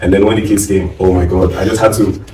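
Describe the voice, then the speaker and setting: A man with a Nigerian accent speaking conversationally on a panel, halting and repeating phrases for emphasis. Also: low-pitched, fairly even intonation, warm tone, slight background noise. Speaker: panel guest, music minister. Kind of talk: conversational testimony and advice. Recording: echoey room, distant microphone.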